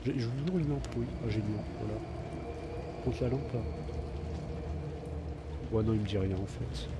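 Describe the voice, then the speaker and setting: The recording is very noisy as a man with a mid-range voice talks at normal speed. A let's play gamer with a slight cold, he keeps up casual commentary to himself while playing.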